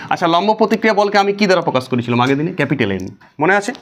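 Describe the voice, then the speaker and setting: Man, high voice, physics teacher, quizzes his class and answers himself. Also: lively intonation, racing, fairly bright tone. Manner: asks the class questions and answers them himself. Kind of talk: classroom lecture.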